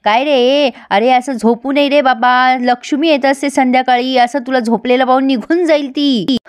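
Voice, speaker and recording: A woman voicing a sharp-tongued older woman who scolds and nags in a raised voice. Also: high voice, fairly even intonation, moderate pace, clean tone, natural voice. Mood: scolding. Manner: loud, nagging, raised voice.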